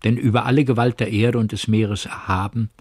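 A fervent young shepherd preacher, voiced by a man in a radio drama, proclaiming a divine calling in solemn, lifted phrases. The voice sits low and husky, recorded close and dry. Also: steady tone, fairly quick, no room sound, lightly acted.

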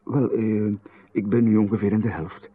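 This 1990s radio drama features a man with a Flemish accent lightly acting the part of a polite playwright who hesitates, flusters easily and wants to please, his politeness tinged with unease. He uses a lowish, steady voice at a moderate pace, and the narrow, phone-like broadcast is dry with no room sound.

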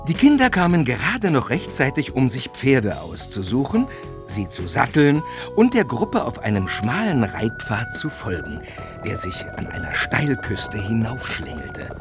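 Animated male audio drama narrator. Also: medium pitch, unhurried, over music.

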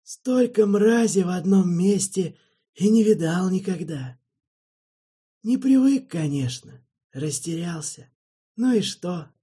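A man reading an audiobook, voicing a blunt, mocking soldier who speaks with rough tenderness. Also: sits high, animated, slow, mellow, pitched above the performer's own voice, heavily acted. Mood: gruff. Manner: smirking and blunt. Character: gruff, mocking soldier friend, tough and blunt.

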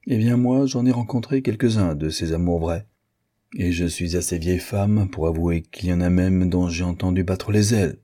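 A man reading an audiobook, voicing an older aristocratic marquise with an ironic, teasing manner and a husky voice. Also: deep voice, moderate pace, warm tone. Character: older aristocratic French marquise, witty and worldly.

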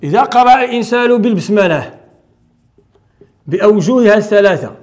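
A man with a Moroccan accent gives a classroom lecture on the rules of Quran recitation, working through them step by step and answering his own questions. His voice is high-pitched, animated and fairly quick, with a slightly mellow tone.

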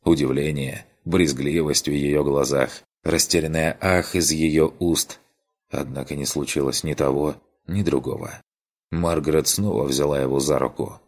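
A man narrating an audiobook in a measured, even storytelling manner. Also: rumbling low. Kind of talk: scripted narration.

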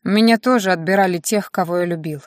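Gruff world-weary man, read by a woman. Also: fast talker, dry recording, studio quality, close to an everyday voice. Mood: grumbling. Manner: grumbling, low-key. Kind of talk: audiobook reading.

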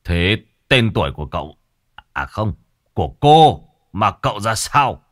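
Stammering middle-aged fortune-teller, fussy and flustered, lively voice, done by a male narrator. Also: lowish voice, measured pace, no room sound, studio quality.

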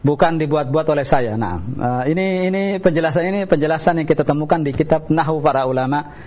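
A man's voice: a little high, fairly quick, darkish tone. A man teaching Arabic grammar on a radio call-in show, explaining patiently step by step and correcting callers. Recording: muffled radio broadcast.

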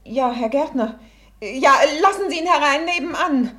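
In a German radio play, an actress plays a flustered, anxious mother hunting for her missing little boy. She sounds tense and hurried with strained politeness, her high, fairly bright voice animated.

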